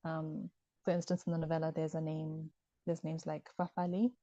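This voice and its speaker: An author from Ghana whose first language is Ewe discusses her work in a calm conversational interview, thinking aloud in a measured, explanatory way. Her low, mellow voice has little rise and fall. The recording is dull, lo-fi, dry and close, with no room sound.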